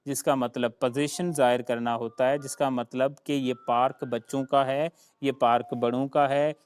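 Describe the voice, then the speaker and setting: A Sindhi-speaking English teacher from Sindh, Pakistan, gives a classroom grammar lecture in a clean, mid-range, level voice at a moderate pace. He spells words letter by letter, repeats them, and calls his students "beta."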